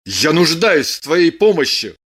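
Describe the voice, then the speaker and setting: A woman reading an audiobook voices a calm, firm man who teases his lover with dry mockery. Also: low-pitched, unhurried, slightly rough, full character voice. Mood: coolly mocking. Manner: calm, firm, dryly mocking. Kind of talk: audiobook character voice.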